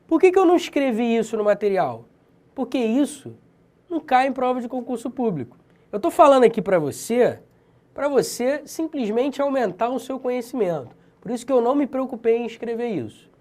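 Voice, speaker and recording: A man's voice: very high voice, expressive, a little fast, darkish tone. A man with a Brazilian accent giving a casual exam-prep lesson, slangy and emphatic, often checking in with the viewer. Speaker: Portuguese teacher for civil-service exams.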